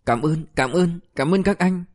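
A broken fugitive begs in a high, strained and tearful voice, stumbling over his words, as a male narrator puts him on. It is pushed up well above the narrator's usual tone and pressed louder. It is an audiobook drama. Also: slow. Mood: begging. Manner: pleading, stammering and weeping. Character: broken middle-aged male fugitive begging.

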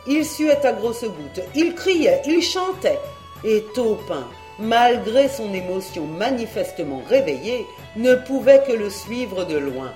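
A woman's voice: mid-range voice, a little mellow. Woman narrating a novel, roomy sound. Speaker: audiobook narrator.

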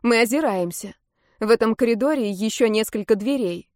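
A woman's voice: a little high, normal speed, darkish tone, no room sound, clean studio sound. A woman narrating a first-person fantasy audiobook in an intimate, emotional manner.

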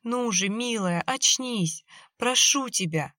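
A woman's voice: on the high side, animated, slow, sharp tone, no room sound, studio quality, pitched above the performer's own voice, exaggerated voice. A woman voicing an anxious mother whose voice trembles as she pleads over her daughter. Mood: trembling, excited.

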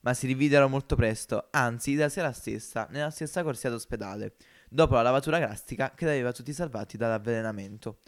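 Guy reading a story out for a podcast, steady expressive voice, middle pitch. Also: fast talker. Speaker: narrator. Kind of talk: amateur audiobook narration.

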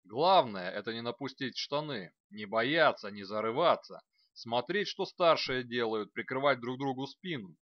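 A man voicing a blunt, tough male company sergeant who barks at new recruits, loud and raised, in a dry, slightly dull recording. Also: mid-range voice, lively intonation, moderate pace, few pauses, no echo, close to an everyday voice. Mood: gruff reassurance. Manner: loud barking, blunt pep talk. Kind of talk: audiobook character voice.

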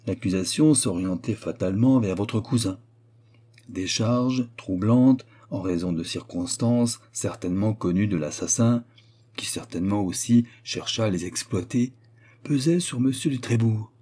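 Mellow, husky male audiobook narrator. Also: fairly low pitch, measured pace.

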